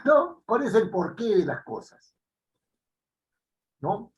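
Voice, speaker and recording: A man's voice: high-pitched, sing-song, slow, muffled recording. A man with a Peruvian Spanish accent teaching a writing class, emphatic and full of tag questions. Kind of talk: online writing lesson.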